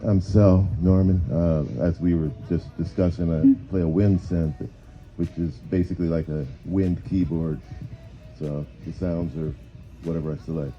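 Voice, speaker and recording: Deep male musician, casual interview chat, slightly dull sound. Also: steady tone, normal speed, soft background music. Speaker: wind synth player in a band.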